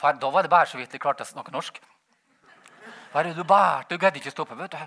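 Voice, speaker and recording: A man giving a rambling, animated personal testimony, laughing as he tells it. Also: a little high, gravelly. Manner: animated, rambling, frequent "vet du" tag; laughs while telling. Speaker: testimony speaker.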